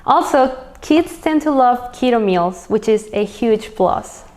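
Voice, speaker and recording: A Venezuelan woman hosts a cooking channel, walking through a recipe casually at a slow pace with a fairly high, lively, slightly mellow voice. She's chatty and upbeat, listing ingredients as she makes her meals.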